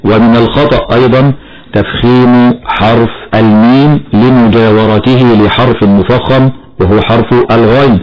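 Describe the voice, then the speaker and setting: A man teaching Quran recitation rules in a measured, explanatory way, chanting short verses slowly as examples. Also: medium pitch, steady tone. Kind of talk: tajweed lesson with slow recited examples. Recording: dull lo-fi broadcast audio.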